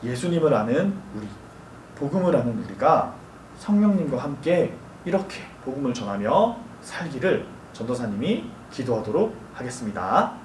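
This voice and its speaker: A man preaching a children's sermon with an animated, questioning manner and playful asides to the children. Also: mid-range voice, normal speed, a little hiss or hum. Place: church worship room. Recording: roomy echo from far off the mic.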